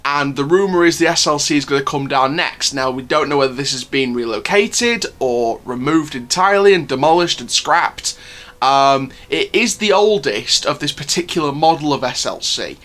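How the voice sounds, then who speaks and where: A man's voice: a little high, lively intonation, moderate pace, a bit bright. A man hosting a theme park news channel, talking to viewers in a chatty, enthusiastic fan style. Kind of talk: casual news commentary.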